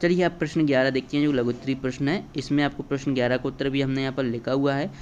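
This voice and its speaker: A man's voice: medium pitch, fairly even intonation, racing, a little mellow, slight background noise. Man teaching a class in a lo-fi voice-over. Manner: explains step by step, addresses children, repeats "है ना" and "ठीक है". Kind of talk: exam paper walkthrough lesson.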